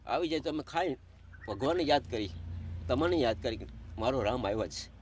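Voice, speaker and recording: Middle-aged man, tearful pleading voice, calls everyone sir, mid-pitched, faint hiss and birds behind. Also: animated, brisk. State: crying. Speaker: interviewee, father in need. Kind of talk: emotional conversation.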